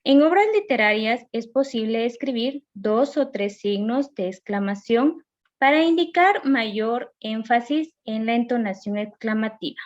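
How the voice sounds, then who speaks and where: A woman teacher giving a recorded grammar lesson, reading rules and examples slowly and carefully. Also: on the high side, dull audio.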